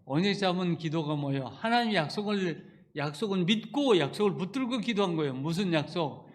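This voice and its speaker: A male pastor delivers an earnest sermon built on personal testimony. His voice sits high for a man. He drifts between hushed, reflective passages and loud, pleading outbursts. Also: animated, a little fast.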